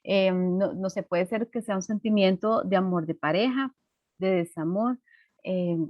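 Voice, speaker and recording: A woman's voice: mid-range voice, no echo, highs cut off. Woman teacher, online class, keeps checking understanding, fillers, dry close sound. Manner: explains slowly with many fillers and tag questions.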